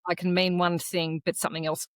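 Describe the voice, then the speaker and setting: An Australian woman whose first language was Croatian co-hosts a casual podcast, sharing personal stories in an earnest, reflective way and often halting to restart sentences. Her voice is a bit low, level, clear and resonant. The recording is dry and close, with no echo or room sound.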